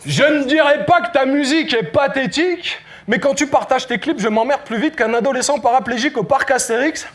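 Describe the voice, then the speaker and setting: High-voiced man mocking in a rap battle. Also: brisk, few pauses, slight background noise. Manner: mocking, punchline delivery, shouting at times. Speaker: battle rapper.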